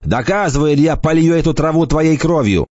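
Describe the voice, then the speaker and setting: A male narrator voicing a fierce, frightened young woman who hisses threats and shouts, in a dull, dry recording. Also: a little high, expressive, a little fast, no room sound, pitched above the performer's own voice, close to an everyday voice. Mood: furious shouting.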